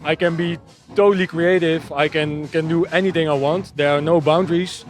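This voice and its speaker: A man's voice: a little high, fairly even intonation, moderate pace, soft background music. A Dutch man with a Dutch accent, a techno DJ and producer answering interview questions in a hesitant way with many restarts. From Netherlands. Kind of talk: casual interview.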